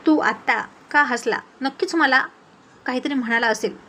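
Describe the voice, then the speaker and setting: A woman's voice: high-pitched, moderate pace, bright, forceful tone, slight background noise. A woman voicing a proud, short-tempered rich young man in a storybook tale, talking in a snappy, irritated way.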